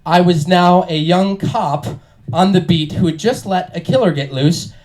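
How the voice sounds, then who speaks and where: Higher-pitched man telling a comic story. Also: measured pace, a little mellow, rough recording.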